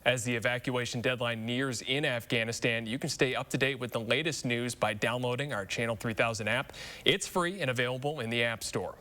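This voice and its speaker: A man anchoring a local evening newscast, reading the stories in a steady, measured way. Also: medium pitch. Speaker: news anchor. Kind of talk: scripted news reading.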